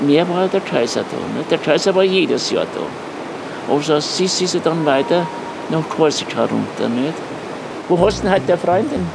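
A woman's voice: low-pitched, animated, moderate pace, gravelly. An older woman, chatting and gossiping outdoors by a lake. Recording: outdoor noise.

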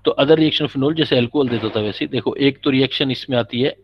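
A man's voice: mid-range voice, fairly quick, a little hiss or hum. Patient male chemistry teacher, dull recording. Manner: patient, explanatory, quizzes students and calls them "beta". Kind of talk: classroom lecture.

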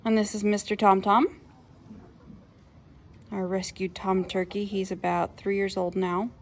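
A woman in her thirties giving a casual tour of her small farm, introducing each animal in a friendly, unhurried way, filmed on a handheld phone in a barn and outdoors. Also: mid-range voice, flat delivery. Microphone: handheld phone camera.

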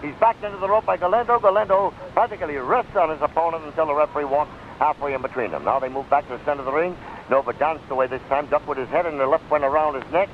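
Speaking quickly with few pauses in a voice on the high side, an American man delivers live boxing commentary in the manner of 1930s radio. He's ringside at an outdoor stadium, captured in a tinny, noisy 1939 broadcast recording.

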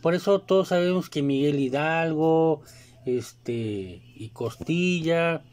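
Slow and a little mellow, this slightly high male voice belongs to a commentator with a Mexican Spanish accent. His talk is a relaxed, meandering monologue heavy on fillers and asides, and he repeatedly asks "you know?"

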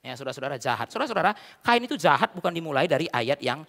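A man's voice: a little high, big pitch swings, very fast, vocal fry, bright, forceful tone. A man pastor preaching a sermon in a church, full of rhetorical questions and repeated direct address to the congregation. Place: church sanctuary. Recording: reverberant church hall.

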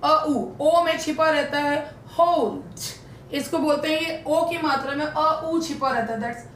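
Woman, English teacher, high voice, unhurried, echoey room with faint rumble. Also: steady tone, a bit bright. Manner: says English words slowly and stretches them out. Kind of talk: online lesson in Hindi and English.

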